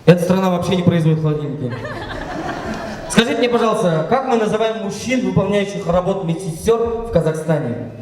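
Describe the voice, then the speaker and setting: A man's voice: sits high, animated, brisk, noisy background. A man hosting a party as toastmaster, telling jokes and quizzing guests in a playful, teasing way. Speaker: wedding toastmaster. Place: banquet hall. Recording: echoey banquet hall from far off, crowd.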